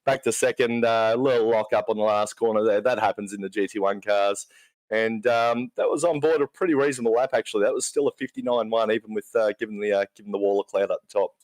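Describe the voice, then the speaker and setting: A man giving live sim racing commentary, chatty and quick to laugh as he talks through a lap. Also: lowish voice, darkish tone, no echo, low-quality recording.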